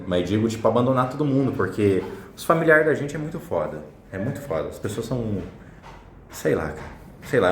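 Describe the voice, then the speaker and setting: Young man, blunt slangy storyteller, quick delivery, roomy echo. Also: fairly low pitch, slight background noise. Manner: blunt, slangy, swears a lot. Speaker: vlogger telling a personal story. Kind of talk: casual storytelling to camera.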